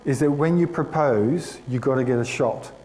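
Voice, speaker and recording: A man's voice: mid-range voice, normal speed, darkish tone, low-quality recording. A man preaching to his congregation, telling a personal story in a chatty, self-mocking way and addressing listeners by name. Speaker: pastor. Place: church hall.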